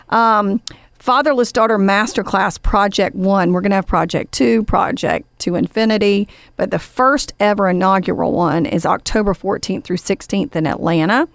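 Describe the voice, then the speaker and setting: A woman's voice: medium pitch, no echo. A woman hosting a podcast, telling a story in a casual, chatty way with lots of fillers and the odd "honey" for her guest. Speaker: podcast host.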